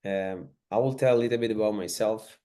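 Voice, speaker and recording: Man, 20s, Israeli accent, low-ish voice, eager chatty guest, video call. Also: brisk, dark tone. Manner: eager, non-native phrasing with fillers. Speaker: guest, real estate investor. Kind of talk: casual podcast interview.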